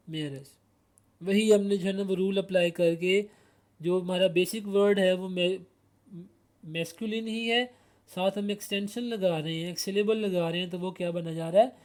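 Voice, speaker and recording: A man with a Pakistani accent teaching English grammar, explaining word pairs and asking himself rhetorical questions. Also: high-pitched. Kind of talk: explanatory lesson.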